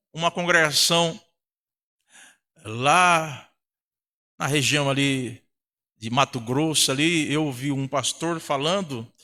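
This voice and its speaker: High, bright-voiced Brazilian pastor preaching. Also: male voice. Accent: Brazilian Portuguese. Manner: preaching with rising intensity, frequent "não é?" and "irmãos". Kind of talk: sermon. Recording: long hall reverb.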